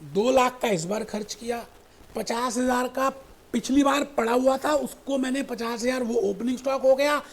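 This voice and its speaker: Animated male accounting teacher. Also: very high-pitched, moderate pace. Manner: animated storytelling, repeats points, calls students "beta". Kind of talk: recorded classroom lecture.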